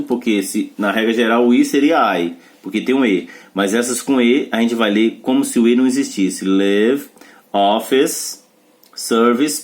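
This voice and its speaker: A man teaching a pronunciation lesson. He explains the rules step by step and checks with short questions that students follow. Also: mid-range voice. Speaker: English teacher.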